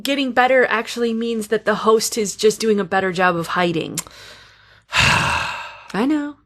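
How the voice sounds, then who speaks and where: Chatty, expressive woman co-host. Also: on the high side, brisk. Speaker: podcast co-host. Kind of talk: casual movie review chat.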